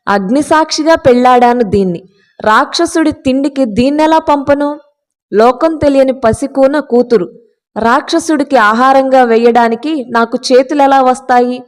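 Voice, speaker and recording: A woman's voice: high-pitched, moderate pace, natural voice. A woman voicing a grieving, pious old Brahmin man in a read-aloud story. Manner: lamenting, pleading.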